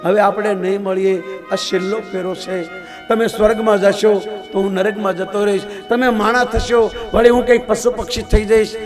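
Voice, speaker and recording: High-voiced preacher over devotional music. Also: male voice, level tone, normal speed. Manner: fatherly, exhorting, calls listeners "my dear father". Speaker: temple mahant, scripture-story preacher. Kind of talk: live devotional scripture-story sermon. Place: open ground at a live religious gathering. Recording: devotional music playing under the voice.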